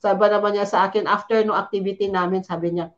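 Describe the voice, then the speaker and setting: A middle-aged woman from the Philippines, a naturopathic doctor, telling stories in an interview in a chatty, animated way full of little fillers. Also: mid-range voice, fast talker, muffled recording. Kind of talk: Taglish interview storytelling.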